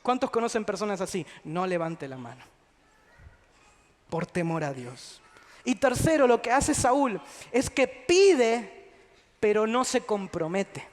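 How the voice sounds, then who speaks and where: High-voiced Argentine preacher in a reverberant hall. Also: male voice, expressive, slow, pauses often. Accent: Argentine Spanish. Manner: dynamic delivery, swings from soft asides to loud outbursts. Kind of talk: sermon. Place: church hall. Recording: long reverb of a church hall.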